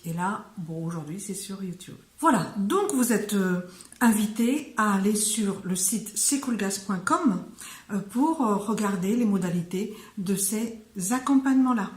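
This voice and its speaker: A woman teaching phrases in French in a casual online lesson, speaking slowly with many hesitations and fillers. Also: medium pitch, expressive, a little mellow, roomy sound. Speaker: Malagasy language teacher.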